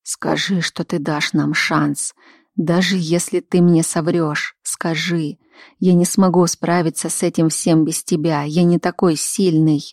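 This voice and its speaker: A woman voicing a desperate, pleading adult man, murmuring in a hushed, slow way. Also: deep voice, little pitch movement, no echo, studio quality.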